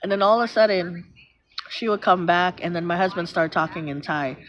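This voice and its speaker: On a casual live stream, a Filipino-accented middle-aged woman from the Philippines talks a little fast in a fairly low voice, wandering through anecdotes and naming viewers to thank them. Music plays behind her, and the audio comes through slightly muffled.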